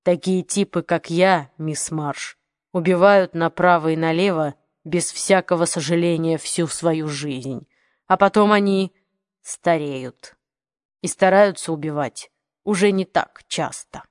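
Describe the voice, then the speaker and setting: A woman reading the part of an aging gangster, speaking slowly and coldly in a lowered voice. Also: smooth, dry recording, studio quality, close to an everyday voice. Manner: slow, measured, menacing. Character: aging old gangster, cold and menacing man.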